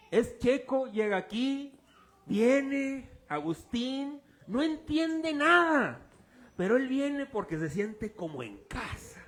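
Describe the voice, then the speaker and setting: Very high-pitched and somewhat dark in tone, this man preaches very slowly with lively intonation. As pastor he jokes informally, uses object illustrations, and poses fill-in-the-blank questions to his congregation.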